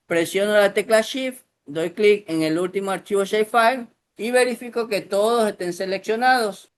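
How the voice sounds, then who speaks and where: A man, patiently explaining a software tutorial step by step over a screen recording. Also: high-pitched. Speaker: instructor.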